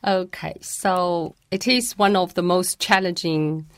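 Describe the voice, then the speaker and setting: Woman language teacher, unhurried and lowish, careful explainer, dry close sound. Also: steady tone, no echo. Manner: patient, careful, demonstrates pronunciations. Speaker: Mandarin teacher. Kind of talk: explanatory interview answers.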